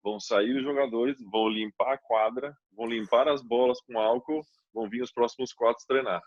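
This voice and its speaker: A man who guests on a podcast and explains things calmly and steadily. His voice sits at an average pitch. The sound is dull and lo-fi, dry, with no room echo. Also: a little fast. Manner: calm, explanatory. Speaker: guest, basketball player. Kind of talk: casual podcast chat.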